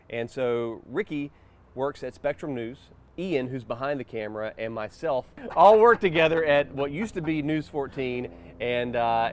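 A man's voice: mid-range voice, clear, resonant tone. A man hosting a casual interview show, recorded outdoors in a backyard.

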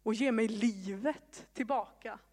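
A fairly high-pitched woman in her thirties gives a sermon woven with personal stories. She talks to the congregation in a conversational way and pokes fun at herself. Her voice rings out in a church hall with a long reverb. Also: a little mellow. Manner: conversational, self-mocking asides. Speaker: preacher.

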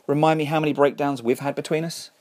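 A man's voice: on the high side, flat delivery, fast talker, a little mellow, voice pushed up, close to an everyday voice. A man reading the lines of a level-headed Englishwoman with an English accent, dry and blunt. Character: blunt, steady young Englishwoman.

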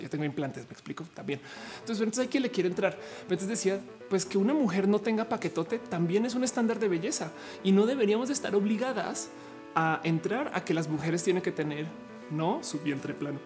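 A woman with a Mexican Spanish accent and a low, androgynous voice, chatting casually with viewers in a slangy, rambling way full of fillers. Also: a little mellow. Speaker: streamer answering viewer comments. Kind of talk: casual chat.

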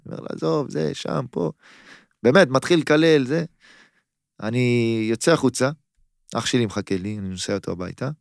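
A man's voice: medium pitch, gravelly, long pauses, no room sound, clean studio sound. A man in his thirties, a footballer guest on a podcast, telling a story casually and acting out both sides of his phone calls.

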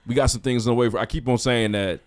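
Fast-talking laid-back male podcast host. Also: medium pitch. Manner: laid-back, says "man" often. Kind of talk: casual podcast chat with show promos.

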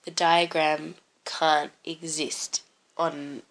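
A woman's voice: sits low, flat delivery, drawn-out words, fairly bright tone, low-quality recording. A woman interviewing casually, asking curious, probing questions. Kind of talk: casual conversation.

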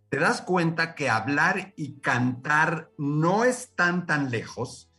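A Mexican man teaching music as a radio guest, lecturing with lively rhetorical questions and sung examples. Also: on the high side, far from the mic. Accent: Mexican Spanish. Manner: animated, lecturing, sings short examples. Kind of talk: radio interview lesson.

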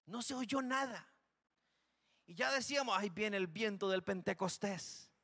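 High, bright-voiced impassioned preacher. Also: male voice, a little slow, vocal fry. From Costa Rica. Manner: impassioned, swings from loud urgent cries to hushed low warnings. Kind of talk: sermon. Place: church sanctuary.

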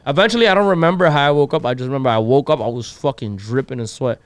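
A young man on a podcast, casually telling an animated story in slang and switching into Spanish at times. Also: mid-range voice, racing, no room sound. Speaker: podcast co-host. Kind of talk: casual chat.

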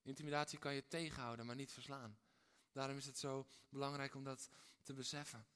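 A man preaching a sermon in a dramatic way, swinging between hushed and loud, with repeated rhetorical phrases. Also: mid-range voice, little pitch movement, brisk, smooth. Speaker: pastor.

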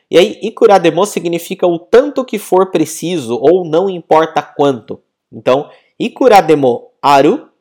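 A man teaching a language lesson, patient and explanatory, repeating example phrases slowly. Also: a little high, darkish tone. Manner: mixes in read-out example phrases.

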